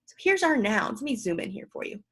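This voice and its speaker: A woman's voice: a little high, very animated, fairly quick, creaky, a bit bright. A woman teacher talking through a home-learning lesson video in an upbeat, playful, encouraging way.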